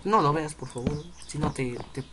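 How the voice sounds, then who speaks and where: A man's voice: on the high side, normal speed, noisy background. A young man giving jokey, chatty commentary while playing a game and talking to the characters on screen. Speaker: let's play gamer. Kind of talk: casual gameplay commentary.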